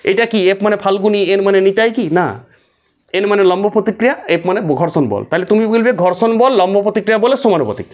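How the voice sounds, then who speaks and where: A man's voice: sits high, expressive, a little fast, darkish tone. A man teaching a physics lesson, asking the class questions and answering them himself. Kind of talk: classroom lecture.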